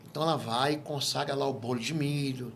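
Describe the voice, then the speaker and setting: A man with a Brazilian Portuguese accent, a guest pastor teaching in an interview and telling stories with lively acted-out dialogue. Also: mid-range voice, quick pace, a little hiss or hum. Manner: animated storyteller who acts out quoted dialogue. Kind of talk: interview, teaching on spiritual matters.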